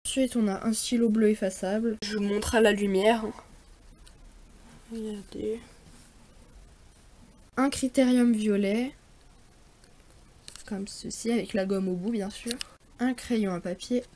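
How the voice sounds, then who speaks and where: A woman's voice: mid-range voice, steady tone, warm tone. Chatty teenage girl vlogger. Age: teens. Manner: chatty and hesitant, many fillers and quick apologies. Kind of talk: casual back-to-school haul vlog.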